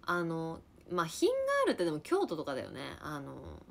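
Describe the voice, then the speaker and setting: A young woman in her twenties from Niigata, Japan, hosting a casual livestream chat and answering viewers with quick reactions and frequent laughter. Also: deep voice, wildly swooping pitch, creaky, fairly bright tone. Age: 20s. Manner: chatty, reacts to comments, laughs often. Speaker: livestream host chatting with viewers.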